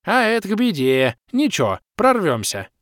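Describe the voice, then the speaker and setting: Man doing a high-pitched old lokhr creature. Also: wildly swooping pitch, normal speed, a bit bright, no room sound, clean studio sound, exaggerated voice. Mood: excited. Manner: folksy, rhyming, superstitious. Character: old male lokhr creature, cheerful, cryptic.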